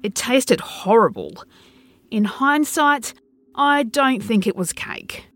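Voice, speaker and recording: Animated woman reading a horror story. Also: on the high side, slow. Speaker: narrator. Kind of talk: first-person horror story narration.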